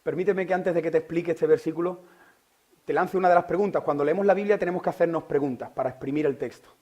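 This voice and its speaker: A man from Spain preaching a sermon, asking the listeners direct questions and swinging from loud preaching to hushed whispers. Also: on the high side, fast. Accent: Spain Spanish. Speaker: pastor.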